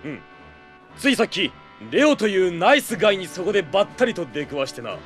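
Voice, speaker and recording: An actor playing a pompous, earnest older brother who poses as a masked knight of justice, speaking in formal, grandiose phrases in an audio drama. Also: male voice, high-pitched, sing-song, brisk, a bit bright, faint music behind. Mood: grandiose, triumphant. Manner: formal, archaic, theatrical and grandiose. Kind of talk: Japanese audio drama acting.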